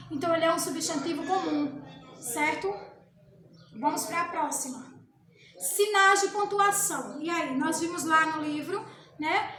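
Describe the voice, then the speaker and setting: Woman teacher, very high voice, patient explainer, echoey noisy room recording. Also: a bit bright. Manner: slow, patient explaining, with rhetorical questions and answers. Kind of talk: remote grammar lesson for children. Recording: echoey room with clear background noise.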